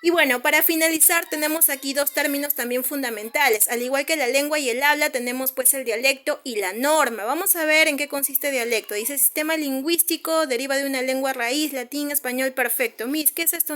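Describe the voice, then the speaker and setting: A woman's voice: sits high, fairly quick, pushed and bright. A Peruvian woman teaching a secondary school language class online, explaining slides patiently and checking in with her students with frequent tag questions. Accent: Peruvian Spanish. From Peru.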